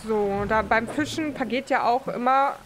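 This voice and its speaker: Woman, let's play host, casual gameplay commentary, thinks aloud, fairly high voice, faint noise. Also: moderate pace. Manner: thinks aloud with many fillers and restarts.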